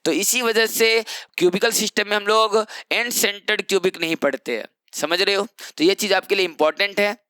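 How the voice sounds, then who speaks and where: Bright-voiced male chemistry teacher. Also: sits high, fairly quick, clean tone, dry recording. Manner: explains step by step, asking rhetorical questions and answering them himself. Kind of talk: online exam-prep lecture.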